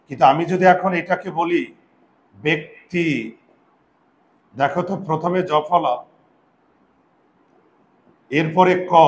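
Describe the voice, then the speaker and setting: A man teaching a grammar lesson slowly and patiently, repeating words and asking his students questions. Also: a little high, low-quality recording.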